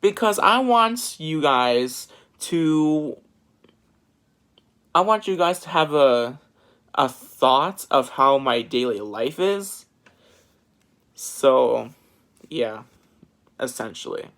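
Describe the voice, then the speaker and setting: Teen guy rambling on his phone vlog, talks slow, drifts into random accents. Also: medium pitch, expressive, fairly bright tone. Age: teens. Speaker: vlogger. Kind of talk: casual vlog chat.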